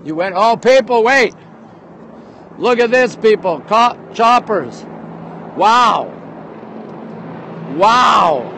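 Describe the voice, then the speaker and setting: A Montreal livestreamer speaks from a windy bridge over a river, casually touring for live viewers in short, excitable bursts with repeated phrases. His high-pitched delivery is extremely slow with frequent pauses, and the outdoor phone audio carries wind and ambient noise.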